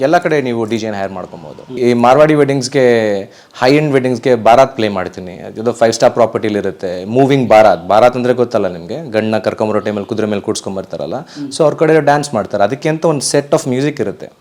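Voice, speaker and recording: A man's voice: medium pitch, animated, fast, a little mellow. Earnest DJ man giving an interview. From Karnataka, India. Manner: earnest, emphatic, repeats pleas. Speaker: professional DJ, interview guest. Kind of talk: casual interview talk.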